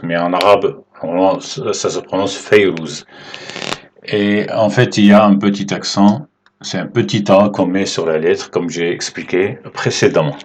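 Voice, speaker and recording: A man teaching Arabic letters at a whiteboard, explaining slowly and patiently and checking in with his students often. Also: deep voice, a little hiss or hum. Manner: slow and patient, checks in with "d'accord?". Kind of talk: whiteboard language lesson.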